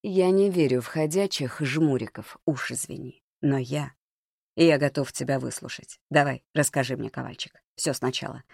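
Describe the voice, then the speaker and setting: A man's voice: vocal fry, a little mellow, slightly rough, no room sound, clean studio sound. A man doing a cold, mocking young man. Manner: low, mocking and measured.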